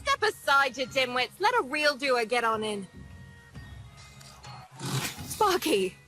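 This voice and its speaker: A woman's voice: high voice, very animated, slow pace, sharp tone, faint music behind, full character voice, low-quality recording. An actress playing a tough, wisecracking woman squad leader in video game dialogue, brash and teasing with nicknames for everyone.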